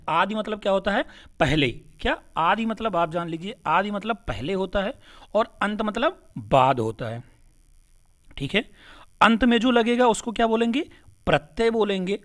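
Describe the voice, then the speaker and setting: A man's voice: high-pitched, a bit bright. A man teaching an exam-prep lesson. He asks questions and answers them himself, and repeats key words with "kya?".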